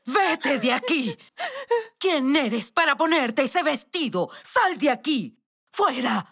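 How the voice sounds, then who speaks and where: A voice actress in a film dub playing a middle-aged mother-in-law who shouts and scolds as she throws a young woman out of her house. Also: high voice, very animated, slow, gravelly, exaggerated voice. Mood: furious. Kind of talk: dubbed film acting.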